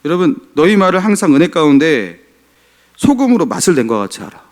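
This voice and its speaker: Animated man preaching a Sunday sermon. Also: on the high side, fairly quick. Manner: animated preaching, rhetorical questions to the congregation. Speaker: pastor. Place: church sanctuary.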